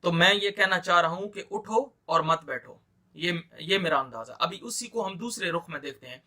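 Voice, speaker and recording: A man with an Urdu accent explains a reading lesson. His voice is fairly high and very bright. He speaks patiently and repeats key points for emphasis. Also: moderate pace. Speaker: Quran teacher.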